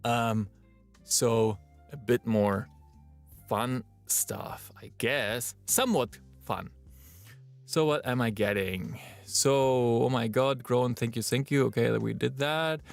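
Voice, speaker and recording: A male voice actor, chatting and thinking out loud during a live-streamed recording session in his booth. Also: medium pitch, slow, creaky, faint music behind. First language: German. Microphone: booth microphone.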